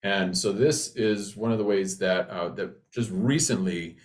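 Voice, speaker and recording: A man with a fairly low voice explains things as a voice teacher. His delivery is conversational and reassuring, with hesitant restarts as he works toward each point. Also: a little slow. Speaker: voice teacher, co-presenter.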